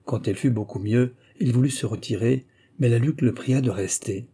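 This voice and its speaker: A man reading a novel aloud in measured scripted narration. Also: medium pitch, mellow, slightly rough. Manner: measured, literary. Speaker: audiobook narrator.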